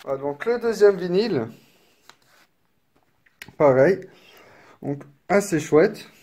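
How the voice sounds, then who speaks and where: With a high-pitched, animated, dark-toned voice, a male unboxing creator chats his way through a collector's edition, holding the camera in one hand and using its mic. He takes his time, leans heavily on "hop" and "donc" to fill gaps, and sounds apologetic and self-deprecating.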